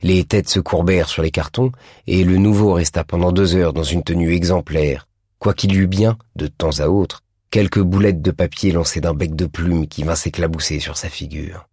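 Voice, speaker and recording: A man reads a classic novel aloud in a measured, deliberate way. His voice is very low with a husky edge. The recording is dry and close. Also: fairly even intonation, a little mellow, no room sound. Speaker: audiobook narrator. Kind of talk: scripted narration of a classic novel.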